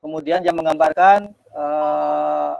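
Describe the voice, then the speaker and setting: A man facilitating an online workshop over a video call, his audio choppy and glitching as it breaks up, giving slow, repeated instructions. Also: on the high side, steady tone, gravelly, a little mellow, no room sound, poor audio. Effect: choppy, glitching connection audio.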